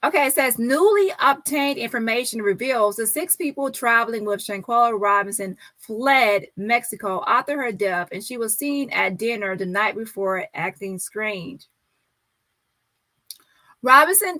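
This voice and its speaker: A woman's voice: fairly high pitch, sharp tone, dry recording. A woman doing casual commentary, reading news aloud and adding sassy, dramatic, slangy asides as the host. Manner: sassy, dramatic reactions with slang like "child", "hunty", "y'all".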